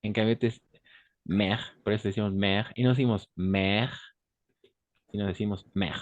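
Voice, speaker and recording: A man's voice: on the low side, steady tone, fast talker, darkish tone, dry recording, lo-fi sound. A man who speaks Spanish natively teaches French pronunciation to Spanish speakers, patiently repeating words and checking in with his students. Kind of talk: online language lesson.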